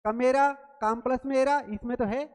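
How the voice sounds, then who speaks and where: A woman teaching a grammar quiz lesson, asking questions and answering them herself, repeating key words slowly. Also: high voice, steady tone, darkish tone, smooth. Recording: long reverb, roomy sound.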